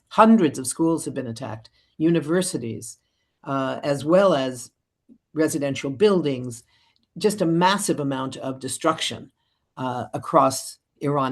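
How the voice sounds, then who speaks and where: A woman political analyst giving long, fluent answers in a radio interview, with occasional fillers. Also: extremely low pitch.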